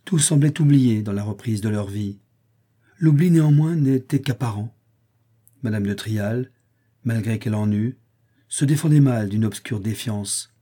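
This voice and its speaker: A man reading a classic French short story aloud in measured, phrase-by-phrase literary narration. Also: on the low side, warm tone. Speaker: audiobook reader. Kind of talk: scripted narration.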